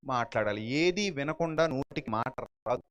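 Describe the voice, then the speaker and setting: A middle-aged male preacher, giving a lively sermon full of rhetorical questions and acted-out voices. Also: medium pitch, normal speed. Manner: animated, rhetorical questions, acts out frightened voices.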